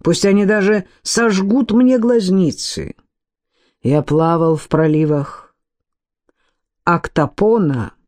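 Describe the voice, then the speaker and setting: A woman's voice: lowish voice, dark tone. Woman doing a huge, scornful brute of a man. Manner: slow, scornful, brooding. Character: huge gruff mocking man, reckless and grim.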